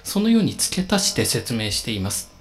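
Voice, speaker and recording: Solemn, measured male preacher. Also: mid-range voice, big pitch swings, faint music behind. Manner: slow, solemn, measured delivery with emphatic pauses. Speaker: pastor. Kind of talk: sermon.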